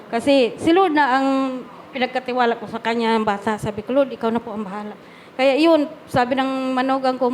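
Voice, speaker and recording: High-voiced older woman giving testimony. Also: a little hiss or hum. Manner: emotional, animated storytelling. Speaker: church member giving testimony. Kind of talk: spontaneous spoken testimony.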